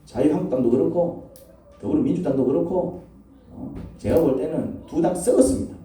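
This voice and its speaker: A man preaches a sermon to his congregation, tossing out questions and pausing for answers. His voice sits a little high but sounds dark and mellow. It comes from across a very echoey church sanctuary with a faint hum behind it. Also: recorded from a distance. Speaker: pastor.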